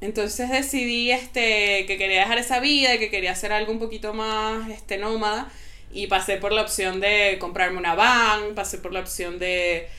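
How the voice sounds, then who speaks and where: A woman's voice: medium pitch, fairly even intonation, moderate pace, sharp tone. A woman, telling her story as a guest in a casual interview, chatty and candid.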